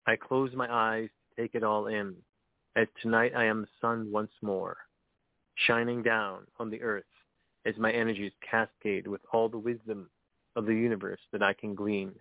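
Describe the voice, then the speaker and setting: A man's voice: on the low side, little pitch movement, moderate pace, dry recording. Give me a man calling in to a radio show over a tinny phone line. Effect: heard over a phone line on a radio show. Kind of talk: casual chat, then reading his poems aloud.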